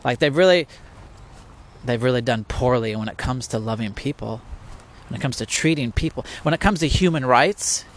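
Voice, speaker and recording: Man, mid pitch, casual monologue, rhetorical questions, restarts. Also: lively intonation, moderate pace.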